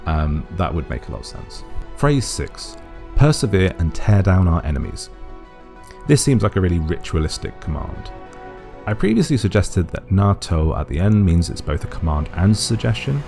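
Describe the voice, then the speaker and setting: Deep gravelly man breaking down language. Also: big pitch swings, normal speed, mellow, soft background music. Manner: methodical, speculative, thinking aloud. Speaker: video essayist. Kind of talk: analytical voice-over explainer.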